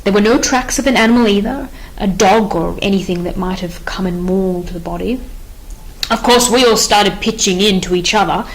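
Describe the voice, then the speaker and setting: A woman reading the part of a nervous, rambling male soldier in an audiobook play, anxious and excitable in manner. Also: mid-range voice, normal speed, a little hiss or hum, close to an everyday voice, poor audio. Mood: excited.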